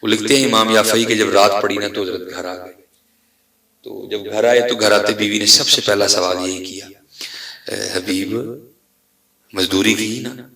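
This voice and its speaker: Impassioned preacher, bright low voice, picked up from far off in an echoey hall. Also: male voice, steady tone. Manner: impassioned, swinging from loud to hushed. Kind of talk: sermon.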